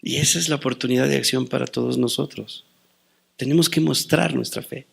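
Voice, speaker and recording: Male pastor, mid-range, gravelly texture; dramatic sermon delivery with sharp shifts between booming and hushed. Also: steady tone, fairly quick. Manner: dramatic preaching, swinging between loud declarations and hushed asides; quotes scripture and tells personal stories.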